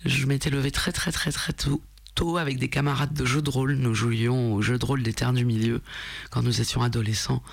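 Gravelly, hesitant man in dry sound. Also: mid-range voice, level tone, brisk, no room sound. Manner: hesitant, thoughtful, with fillers. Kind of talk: casual discussion.

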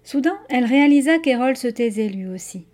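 A woman's voice: high-pitched, lively intonation, fairly quick, darkish tone. A woman reading a children's novel aloud, narrating steadily and expressively. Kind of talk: read-aloud storytelling.

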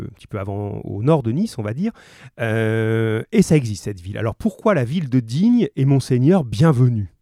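A man runs a class live on the radio, joking with the pupils who call in and trailing off into fillers and restarts as he explains. His voice is mellow and relaxed, recorded dry and close on a studio microphone. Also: medium pitch, dry recording. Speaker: teacher. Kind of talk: remote class on radio, casual and encouraging.

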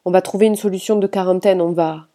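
A father who speaks firmly to calm others down, read by a woman narrator. The voice stays low and warm. It sounds like an audiobook reading. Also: fast, natural voice. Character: father, firm peacemaker.

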